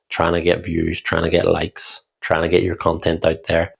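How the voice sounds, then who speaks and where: A man from Northern Ireland, a podcast co-host and founder, talks through his experience in a casual podcast conversation. His low voice has a gravelly texture, and his reflective, explanatory delivery stays steady and level, with little rise and fall.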